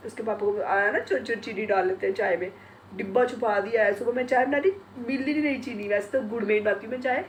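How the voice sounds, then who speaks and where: Middle-aged woman vlogger, blocked-nose cold voice, chatty and laughing, faint hiss behind. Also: medium pitch. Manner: chatty, laughing often, retelling family talk. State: congested and sore-throated from a cold. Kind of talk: casual chat to camera.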